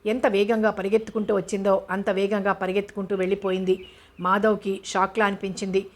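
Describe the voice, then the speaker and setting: A woman reading a novel aloud as its narrator, at an even, measured pace. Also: medium pitch. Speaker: audiobook narrator.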